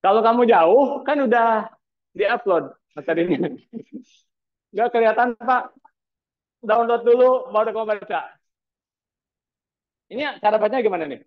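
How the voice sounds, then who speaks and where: A man's voice: high voice, moderate pace, long pauses. A man lecturing a university class, prodding students with repeated teasing questions. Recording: tinny phone-like sound.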